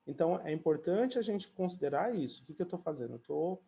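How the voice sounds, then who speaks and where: A man's voice: a little high, lively intonation, vocal fry, dark tone. Brazilian guy running an online english class, super chatty, keeps saying né, drags out his example sentences like a song. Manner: chatty, fills pauses with "né" and "ó"; sings and stretches English example sentences slowly. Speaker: English teacher.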